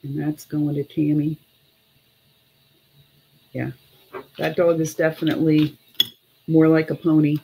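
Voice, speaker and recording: A woman's voice: low voice, flat delivery, creaky, dark tone, slight background noise, poor audio. A middle-aged woman hosting a casual live online sale as an informal auctioneer, chatting between bids and prices in a small room at home. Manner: unhurried, with pauses. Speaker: online auction host selling vintage glass.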